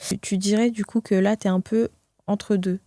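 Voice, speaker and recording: A woman hosting a podcast, asking gentle, probing questions in a casual way with frequent fillers. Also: mid-range voice, steady tone, normal speed, no echo, clean studio sound. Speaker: interviewer.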